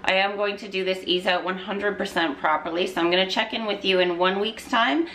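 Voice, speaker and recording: A woman's voice: medium pitch, brisk, fairly bright tone, slight background noise. A woman who works in nutrition, chatting casually and upbeat to her vlog audience. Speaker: nutrition vlogger.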